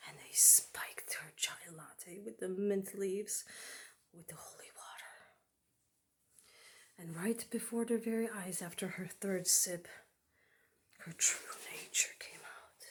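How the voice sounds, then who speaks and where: A woman telling a spooky Halloween story to her viewers, often dropping into a hushed, dramatic whisper. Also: mid-range voice, steady tone, takes it slowly. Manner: speaks warmly to the viewers as friends.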